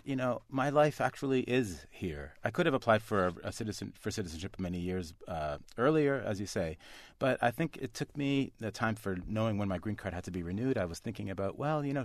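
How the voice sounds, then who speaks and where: Low-voiced man, halting radio guest. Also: no echo. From Canada. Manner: thoughtful, halting with many restarts. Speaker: guest author. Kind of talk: radio interview.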